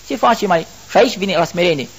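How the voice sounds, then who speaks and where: A man's voice: high-pitched, animated, gravelly, husky. A middle-aged man preaching a sermon to the faithful in an earnest, explanatory way, asking rhetorical questions and answering them.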